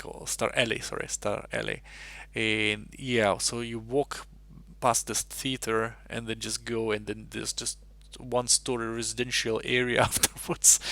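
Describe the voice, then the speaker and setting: Born in Russia, this man has a heavily gravelly voice full of vocal fry, mid-range in pitch with a fairly bright tone. On a casual live stream, he rambles loosely into a desk mic, thinking aloud as he works through chess puzzles.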